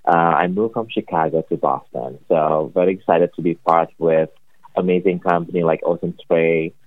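A low-voiced Indonesian man, a company executive, answers interview questions in a steady tone at normal speed, earnest and upbeat but leaning heavily on fillers. There's no room sound, though the audio has a tinny phone-line quality.

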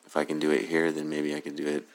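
A man from Oklahoma with a very deep, low magnetic voice, answering interview questions casually in a hesitant, laid-back, halting way. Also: completely flat delivery. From Oklahoma City, USA. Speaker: podcast guest, cannabis grower.

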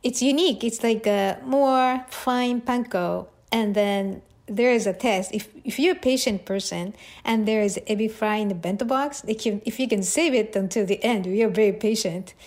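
A woman hosting a podcast interview, speaking in a friendly, slightly halting manner. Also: mid-range voice, a little mellow. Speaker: podcast host.

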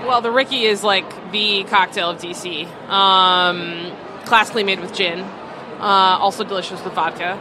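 A woman's voice: medium pitch, fairly even intonation, normal speed. A woman who co-owns a distillery, answering interview questions in a casual, filler-heavy way at a busy food market. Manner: chatty, full of "like" and "um" fillers. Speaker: distillery co-owner. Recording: noisy market background.

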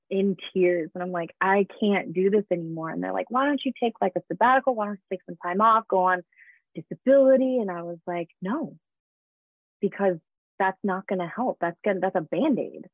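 A woman's voice: medium pitch, no room sound. A woman in her thirties, a guest telling her story in a casual interview, chatty with frequent laughs and fillers. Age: 30s. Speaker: guest, fitness business founder. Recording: tinny phone-like line.

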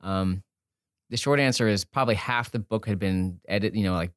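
An entrepreneur and author, a man with a voice on the low side, chats at a moderate pace as an interview guest. His talk is casual and thought-out-loud, full of breaks and rephrasings. It's recorded in studio quality with no room sound.

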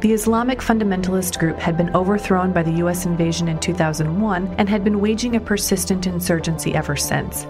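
A woman reporter narrating a documentary story in a measured storytelling way, sometimes stressing questions. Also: fairly low pitch. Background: music underneath.

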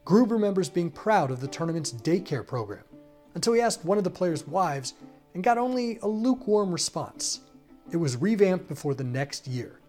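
A male reporter narrates a sports feature in a steady, scripted read. His voice sits a little high for a man, with faint guitar music playing underneath. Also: normal speed.

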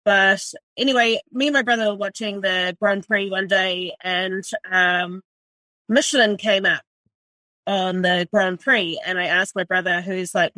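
A woman chef talks in a bright, forward voice on a dry close mic. She rambles in an animated way, leaning on filler words and casual swearing. It sounds like a relaxed podcast chat. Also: mid-range voice, no echo, poor audio. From New Zealand.

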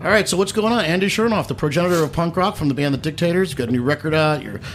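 Playful male host with a highish voice. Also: very fast, slight background noise. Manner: playful, hyperbolic. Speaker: talk show host. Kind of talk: casual comic banter.

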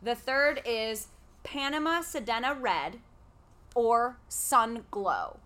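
A woman in her thirties co-hosting a casual podcast, running a quiz game in a loud, bubbly way. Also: fairly high pitch, animated, slow. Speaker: podcast co-host.

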